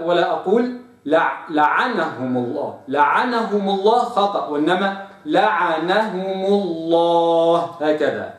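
A man's voice: high-pitched, distant mic. Man teaching Quran pronunciation. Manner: slow, drawn-out model recitations of single words. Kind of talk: tajweed lesson. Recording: echoey room, voice off-mic.

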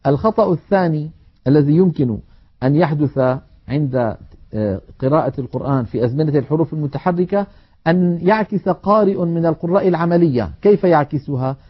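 A man teaching Quran recitation in a televised lesson, explaining in a measured way and chanting example words slowly. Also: fairly high pitch, animated, slightly rough, dull audio.

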